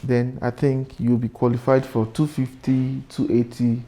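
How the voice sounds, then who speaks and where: A man answers interview questions as a real estate agent. He talks through the sums one example at a time, and his voice is dark and mellow. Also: medium pitch, flat delivery, measured pace. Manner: explains step by step with examples.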